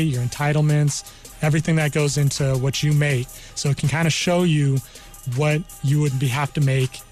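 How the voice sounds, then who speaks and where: In a radio studio, a man who works as an army career counselor explains things conversationally as a guest, often saying "you know." His voice is fairly high in pitch and a little mellow.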